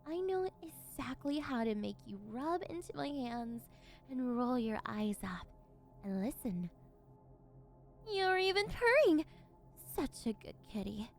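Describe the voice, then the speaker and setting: A woman's voice: sits high, sing-song, a little slow, creaky, faint music behind, heavily acted. A woman playing a possessive, unhinged yandere villainess in an ASMR role-play, cooing and teasing condescendingly as she domineers over her captive. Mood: teasing, controlling.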